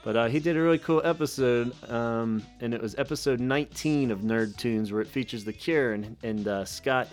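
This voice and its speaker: Male podcast host, easygoing and rambling, average pitch, soft music bed behind. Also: normal speed, few pauses. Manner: loose and rambling, many fillers. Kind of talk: casual podcast talk.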